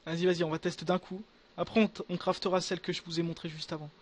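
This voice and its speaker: A young man giving casual gameplay commentary to his viewers, excitable and full of crude slang. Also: sits high, very fast, a little hiss or hum. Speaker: gaming video creator.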